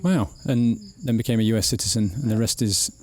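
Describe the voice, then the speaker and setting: A man's voice: medium pitch, fairly quick. A British man hosting a podcast, chatting casually and teasing his guests. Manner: playful, teasing, lively questioner. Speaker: podcast host. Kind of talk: casual interview chat. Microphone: headphones and studio mic.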